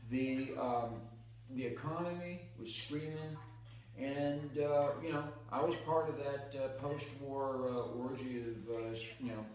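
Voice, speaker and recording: A man's voice: mid-range voice, steady tone, unhurried, darkish tone. Man in his sixties, from California, candid storyteller, distant mic, very echoey room. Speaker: guest musician. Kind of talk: casual interview chat.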